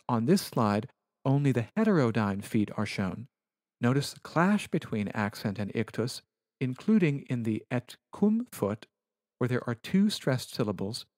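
A man at a mid pitch lectures on Latin verse in a careful, precise way, as if walking through slides. The recording is close and dry, with no room sound. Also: sing-song, a little mellow, no echo. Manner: measured, precise, explanatory.

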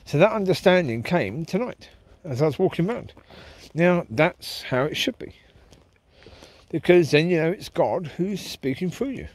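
Walking his dogs outdoors on a park path at night, a vlogger talks to his handheld camera in a casual, reflective, meandering monologue. His voice is fairly high with big pitch swings, at normal speed.

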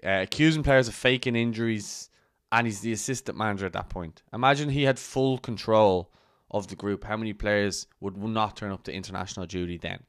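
This man talks in a low, smooth voice, recorded dry and close. He delivers football commentary as a firm, opinionated argument. He keeps coming back to his own view and stresses it hard. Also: brisk, dry recording. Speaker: football channel host.

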